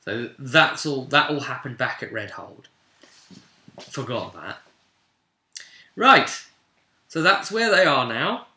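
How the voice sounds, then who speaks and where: The host of a tabletop roleplay recap series narrates a fantasy session he game-mastered, speaking slowly with frequent pauses in a medium-pitched voice. He's an animated, informal storyteller who voices characters' lines and talks straight to listeners, and the room sound is echoey.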